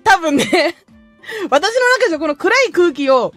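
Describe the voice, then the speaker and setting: A young woman chats casually with her viewers as a streamer, recounting a story in a bright, high voice that leaps up and down. She laughs often and slips into voices as she quotes the people in the story. Faint music plays quietly behind her. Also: unhurried, no echo. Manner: animated, laughs often, acts out quoted lines.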